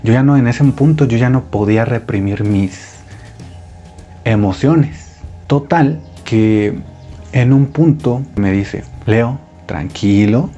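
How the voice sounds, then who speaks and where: A man's voice: mid-range voice, slow, mellow. A man narrating a listener's story in the first person, in a confiding, playful way. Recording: muffled audio with music underneath.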